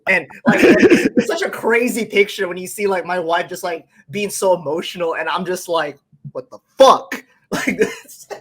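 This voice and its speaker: A man's voice: sits high, moderate pace, few pauses. A man guesting on a casual podcast, telling stories with energy, acting out quotes, swearing and laughing. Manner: animated storyteller, acts out quotes, swears, laughs. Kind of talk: casual chat.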